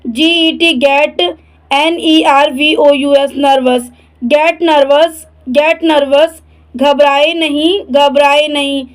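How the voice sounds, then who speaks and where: Slow, high-voiced woman spelling words. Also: fairly even intonation, poor audio. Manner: spells each word letter by letter, then repeats it twice. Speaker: English vocabulary teacher. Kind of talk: spelling and translating word lesson.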